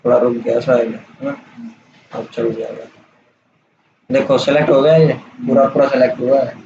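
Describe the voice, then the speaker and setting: A man giving a casual, step-by-step software tutorial over a screen recording, checking in often with the listener. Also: medium pitch, fairly even intonation, normal speed, creaky. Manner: casual, explains step by step with "theek hai" checks. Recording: roomy, dull lo-fi sound with faint hiss.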